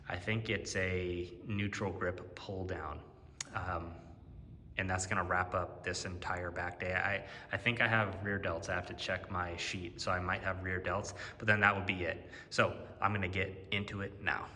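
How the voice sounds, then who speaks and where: A man's voice: low voice, bright, forceful tone, a little hiss or hum. A man chatting casually in a fitness vlog, rambling with many fillers and restarts, his mic adding a cave-like echo. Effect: cave-like echo from a faulty mic cable. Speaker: fitness vlogger. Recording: echoey, cave-like reverb on the mic.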